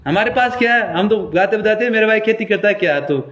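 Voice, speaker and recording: Male folk singer, Rajasthani accent, high-pitched, accusing and confrontational live-stream rant. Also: animated, fast, a bit bright. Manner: confrontational, accusing, repeats challenges. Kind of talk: angry live-stream appeal.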